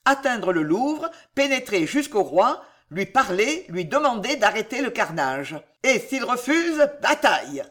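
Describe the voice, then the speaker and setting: A reader voicing a valiant noble marshal who commands his men with booming shouts, in a storybook reading. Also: very animated, unhurried, few pauses. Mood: commanding.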